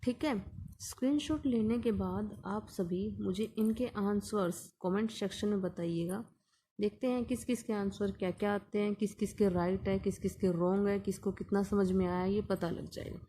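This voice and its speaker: A woman's voice: medium pitch, normal speed, dark tone, a little hiss or hum. A woman teacher explaining an English grammar lesson patiently, asking questions and answering them herself.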